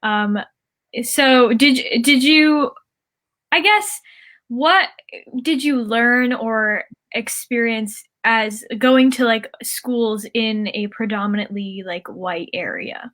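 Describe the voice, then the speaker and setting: Bright-voiced young woman hosting an interview. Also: a little high, slow. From United States. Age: young adult. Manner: chatty, upbeat, with frequent fillers and laughs. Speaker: interview host. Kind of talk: casual interview.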